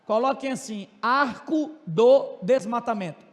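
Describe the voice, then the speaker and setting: A man with a Tocantins Brazilian accent teaching a class in a joking way, talking loud and fast with asides to his students. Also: very high-pitched. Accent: Brazilian Portuguese, Tocantins region. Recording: long reverb of a classroom.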